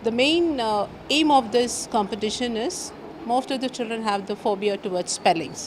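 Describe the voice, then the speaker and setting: A woman talks very slowly and haltingly, pausing between phrases. Her voice is fairly high, with faint vehicle noise in the background. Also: animated. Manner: slow, halting, with pauses. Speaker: school official. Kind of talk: interview statement.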